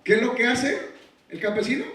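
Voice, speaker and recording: High-voiced preacher in an echoey hall. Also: male voice, fairly quick. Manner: builds from soft storytelling to shouted exhortation with rhetorical questions. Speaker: pastor. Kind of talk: sermon. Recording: very echoey church hall, preacher far from the mic.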